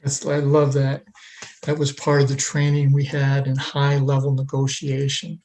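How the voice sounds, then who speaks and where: A man's voice: mid-range voice, completely flat delivery, unhurried, darkish tone. Upbeat motivational male host. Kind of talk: talk show interview.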